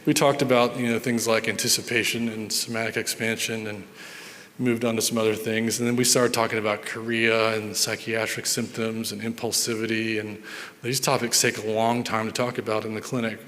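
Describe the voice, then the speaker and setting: Speaking in a big conference hall with reverberant acoustics, this physician shares patient stories in an earnest presentation, repeating words as he works through his thoughts. He is a neurologist whose lowish, level voice runs a little fast with a slightly bright edge.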